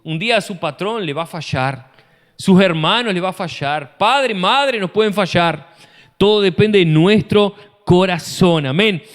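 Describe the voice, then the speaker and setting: A man, a pastor preaching an animated sermon full of rhetorical questions, recorded in a church hall. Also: high-pitched, unhurried. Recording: long church-hall reverb.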